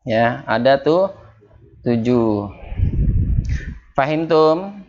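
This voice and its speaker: A man's voice: mid-range voice, expressive, very slow, darkish tone, muffled recording. A man teaching Quran recitation rules at a home study circle, patiently drilling Arabic letters and quizzing his students.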